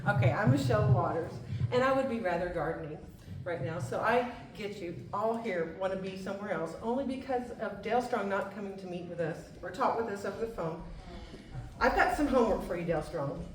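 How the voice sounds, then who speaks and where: A woman's voice: medium pitch, expressive, brisk, slight background noise. A woman giving an urgent, indignant public comment at a town hall meeting, speaking directly to her congressman. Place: museum meeting room. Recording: echoey room from far off.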